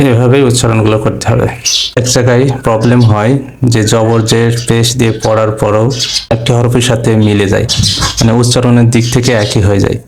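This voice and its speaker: A man's voice: mid-range voice, gravelly, a little mellow, slight background noise, low-quality recording. A man teaching Quran reading step by step, patiently spelling out each letter sound one at a time. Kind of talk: slow step-by-step lesson.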